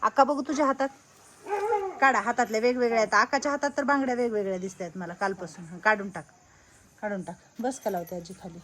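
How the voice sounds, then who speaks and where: A woman's voice: mid-range voice, fast. A woman running an old-age home, chatting and coaxing residents as she hands out things. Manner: lively, coaxing elders, calls out loudly. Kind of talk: casual vlog chat.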